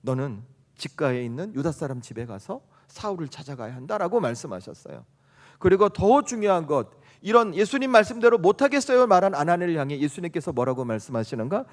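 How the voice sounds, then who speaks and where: A man's voice: on the high side, very animated, a little fast. A middle-aged male pastor preaching a sermon, asking rhetorical questions and rising to emphatic bursts. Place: church sanctuary. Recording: long hall reverb.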